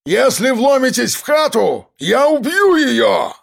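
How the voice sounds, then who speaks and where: A man voicing a nervous, desperate armed male criminal who shouts threats while holding a hostage. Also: extremely high pitch, sing-song, slow, gravelly, pitched above the performer's own voice, full character voice. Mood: shouting.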